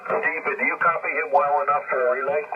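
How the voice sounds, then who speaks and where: A man's voice: fairly high pitch, fairly even intonation, fast. A man working as an amateur radio operator, talking procedurally in phonetic call signs over two-way radio. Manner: procedural, spelling with phonetic alphabet. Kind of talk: amateur radio relay traffic. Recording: noisy, dull shortwave radio audio. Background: radio static.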